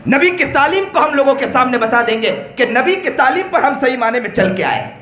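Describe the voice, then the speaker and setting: High-voiced older man preaching in an echoey hall. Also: bright, forceful tone. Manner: emotional storytelling, repeated invocations. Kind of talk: sermon. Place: large hall at a religious gathering. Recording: echoey hall with faint noise.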